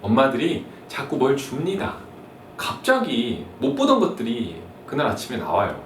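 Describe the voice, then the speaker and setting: A young man with a medium-pitched, slightly bright voice delivers a comic monologue for mothers at a moderate pace, his pitch swinging wildly as he jumps suddenly between a whiny son and a nagging mom. He plays the role of a playful comedic explainer, acting out scenes. The mic sounds roomy and a little distant, with faint ambience and slight background noise.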